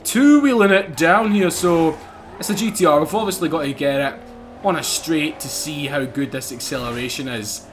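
A British man commentating casually over a racing game, excitable, swearing and laughing often. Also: on the high side, moderate pace, over music. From United Kingdom. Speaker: gaming channel host. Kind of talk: casual let's-play commentary.

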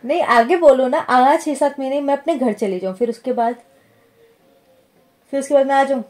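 Blunt, high-voiced woman arguing. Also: normal speed, a little mellow. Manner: blunt, insistent, demands straight talk. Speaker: wife in a prank video. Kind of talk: casual argument.

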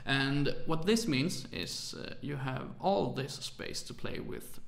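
A music production tutor records a screen-capture software tutorial late at night, sounding tired. His gravelly, mid-range voice is a bit bright and moves slowly in a roomy space, and he's hesitant, full of "uh" fillers and apologetic about his English.

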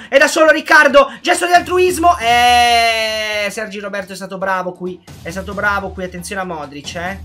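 Woman gaming creator, bright and punchy, yells at every goal. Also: lowish voice. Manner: excitable, yelling at goals, chatty asides to viewers. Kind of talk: live gameplay commentary.

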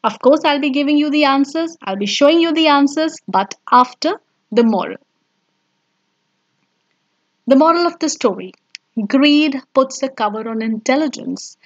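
A woman with an Indian English accent who teaches English, reading a children's story and guiding a vocabulary activity in a clear, deliberate manner. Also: sits high, expressive, dry recording. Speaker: English teacher and channel host. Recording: dull lo-fi voice-over.

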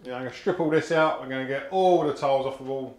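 A middle-aged DIY vlogger chats casually while working on a job in a small tiled bathroom, thinking aloud with fillers in a practical way. His mid-range voice is fast and darkish. Recorded on an action camera, the sound is echoey from the tiles, with faint noise.

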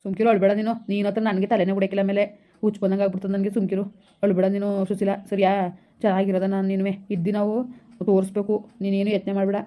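A woman playing a gentle young village husband who keeps coaxing his pregnant wife. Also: medium pitch, level tone, rapid-fire, natural voice. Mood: soothing. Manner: soothing, repetitive coaxing. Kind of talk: village skit acting.

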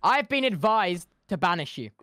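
A man's voice: high-pitched, very animated, moderate pace, sharp tone, no echo, studio quality. A young man refereeing an argument in gaming role-play, officiously calling for order. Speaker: player acting as presiding leader in a mock trial.

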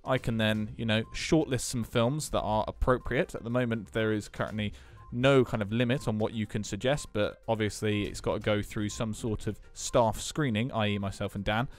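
A man's voice: on the low side, fairly even intonation, normal speed, few pauses. Chatty man co-hosting a podcast. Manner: chatty, self-deprecating, jokey asides. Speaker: podcast co-host, school tech staff. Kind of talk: casual podcast chat.

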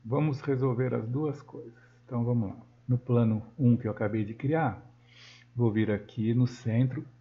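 A Brazilian man with a Brazilian Portuguese accent talks through a software tutorial while he works on screen. He thinks aloud, stops to correct himself, and keeps checking in with his students. The sound is dull and lo-fi, picked up by a desktop mic, with his voice sitting at a middle pitch for a man. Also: normal speed. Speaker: software instructor.

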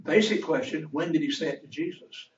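A man's voice: fairly high pitch, fairly quick. Man teaching a Bible class, from afar. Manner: asks the class questions and waits for answers. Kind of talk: interactive Bible lesson. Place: church classroom. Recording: roomy, distant, dull church recording.

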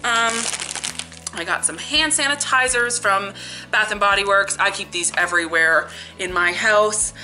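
A young woman from Canada, a beauty and family vlogger, chats to a close camera indoors in front of a lit Christmas tree in her living room. She has a cold and sniffles but stays upbeat, with plenty of "likes" and "ums." Her medium-pitched voice is a little slow, set over music in a low-quality recording.

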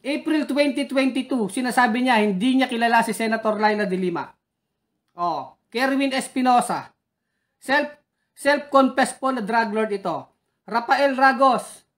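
A woman's voice: high-pitched, unhurried. Taunting, combative woman commentator. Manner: taunting, heckles critics and reads their names. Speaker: political commentator.

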